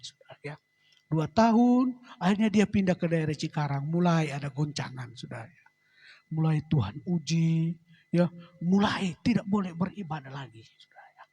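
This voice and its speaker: Husky middle-aged male pastor testifying. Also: high voice. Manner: tags phrases with a soft trailing "saudara, ya". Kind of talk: sermon testimony. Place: church.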